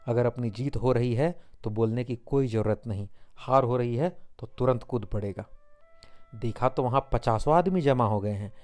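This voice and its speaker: A man narrates a classic novel as an audiobook, in scripted, dramatic storytelling. His voice is of middle pitch and steady.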